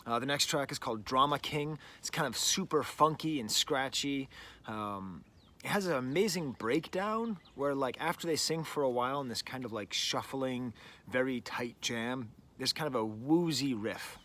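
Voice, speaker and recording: A middle-aged man hosts a casual album review outdoors, with birds audible nearby. His medium-pitched voice is bright and forceful at a moderate pace, and he rambles chattily, full of "like" and "you know," as a music reviewer and show host.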